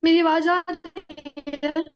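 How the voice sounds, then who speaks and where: Sex: woman. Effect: voice breaking up on a phone call. Pitch: high. Intonation: flat. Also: slow, dry recording. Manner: hesitant, asks if she can be heard. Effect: voice breaking up over a weak phone-internet call. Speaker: student in an online tutoring call. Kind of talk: casual call with a tutor. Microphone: phone on mobile data.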